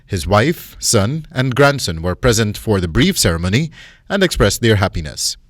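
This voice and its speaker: Low-voiced Guyanese male news reporter, dry sound. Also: big pitch swings, moderate pace, no echo. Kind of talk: scripted news narration.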